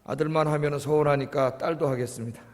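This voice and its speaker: A middle-aged man preaching a sermon as pastor, talking conversationally and often prompting his congregation with quick asides. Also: a little high, fairly even intonation, a little mellow. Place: church sanctuary. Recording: echoey church hall with long reverb.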